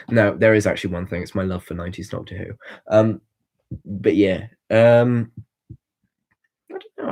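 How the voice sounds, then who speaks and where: A young man in his twenties hosting a casual livestream, rambling and chatty as he answers viewer comments with lots of ums and restarts. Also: lowish voice. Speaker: livestream host.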